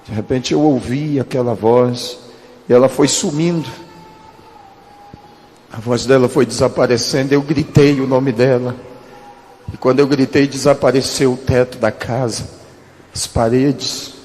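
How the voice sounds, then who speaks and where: A man's voice: mid-range voice, steady tone, a little slow, long pauses, a little mellow, big-room sound, slight background noise. A man, a pastor telling a personal testimony earnestly and calling his listeners beloved.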